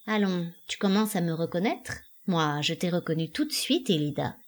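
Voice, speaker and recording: A woman voicing a calm, mysterious male stranger in a dramatic play reading, low, muted and impassive. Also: moderate pace.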